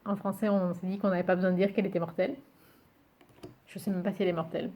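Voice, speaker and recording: A woman presenting a card game in a casual video, cheerful and amused, pausing often with fillers and reading titles slowly. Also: lowish voice, level tone, mellow. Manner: hesitant, many fillers, muses aloud over names; reads English card titles slowly and carefully. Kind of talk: casual show-and-tell presentation.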